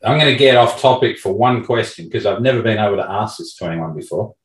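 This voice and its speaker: A man's voice: on the low side, lively intonation, fast, reverberant, far from the mic, low-quality recording. A man with an Australian accent, a golf coach hosting a podcast, explaining things in a confident manner. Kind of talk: casual interview chat.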